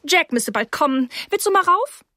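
A woman voicing a brisk, sporty middle-aged wife who talks crisply and in a hurry, raising her voice above her usual one. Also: high voice, lively intonation, sharp tone, no room sound, clean studio sound, voice pushed up. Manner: crisp, hurried, briskly chatty.

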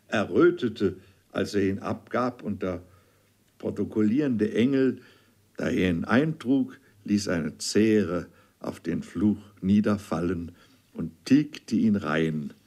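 A man reading a classic novel aloud as narrator, in a measured, unhurried scripted narration. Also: lowish voice, darkish tone. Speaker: audiobook narrator.

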